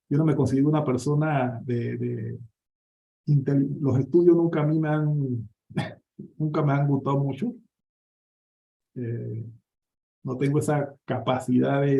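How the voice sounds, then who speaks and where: Dark-voiced priest telling his story. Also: mid-range voice, vocal fry. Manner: lively storytelling, many restarts and filler sounds. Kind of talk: personal faith testimony. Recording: dull lo-fi recording.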